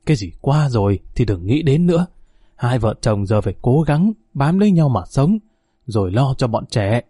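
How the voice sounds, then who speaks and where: Male narrator as a kindly old father-in-law, reassuring, warm low tone. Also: sing-song, normal speed, breathy edge, no echo, clean studio sound. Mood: fatherly. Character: older father-in-law, kindly, fretting grandfather.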